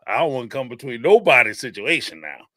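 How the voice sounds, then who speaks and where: Mid-range in pitch and quick in pace, the voice belongs to a live-stream host who takes call-ins and speaks with a Philadelphia accent from the Northeastern United States. His talk is animated and rambling, packed with fillers and frequent laughs, on a dry recording with clean studio sound.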